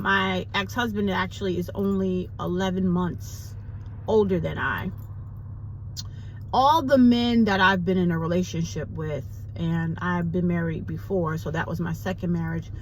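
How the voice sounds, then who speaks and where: A woman in her fifties talking casually to her viewers, slow and deliberate, repeating her points. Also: fairly low pitch, rough recording. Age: 50s. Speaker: vlogger. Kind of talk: casual talk to camera. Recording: loud traffic noise behind.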